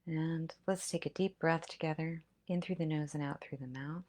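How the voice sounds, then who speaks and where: A woman guiding a slow breath-counting meditation, giving gentle, quiet instructions with pauses. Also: deep voice, steady tone. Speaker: meditation guide.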